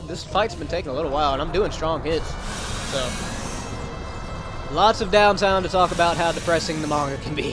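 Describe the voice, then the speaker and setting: Chatty man over loud game music. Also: fairly high pitch. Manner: chatty, joking, theatrical outbursts at the game. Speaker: let's play host. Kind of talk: casual gameplay commentary. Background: game music and effects.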